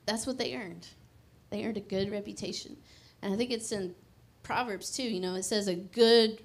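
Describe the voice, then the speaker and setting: A woman with a mid-range voice and fairly even intonation preaches at a moderate pace into a handheld mic on a church stage. Her sermon is conversational and emphatic, and at one point she drops into a hushed prayer.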